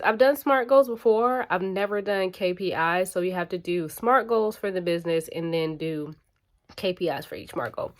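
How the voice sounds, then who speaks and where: A woman talking casually to her viewers in a rambling vlog, full of "like" and "um". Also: medium pitch. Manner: rambling, filler-heavy talk with frequent "like" and "um". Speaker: bootcamp student vlogger.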